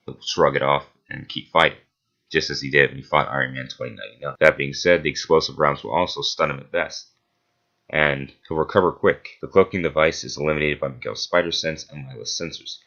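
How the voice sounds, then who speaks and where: A man with an extremely low voice that still has a forceful, bright edge. He delivers analytical commentary point by point, matter-of-fact with casual asides. The close-miked recording sounds a little dull and lo-fi. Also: a little fast, vocal fry. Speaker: video essayist debunking a versus match-up.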